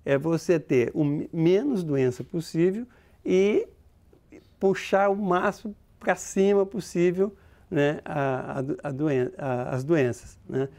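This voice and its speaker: A man's voice: a little high, slow, dark tone. A Brazilian man, a demographer, explaining concepts in an interview with many hesitations. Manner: hesitant, many fillers and restarts while explaining.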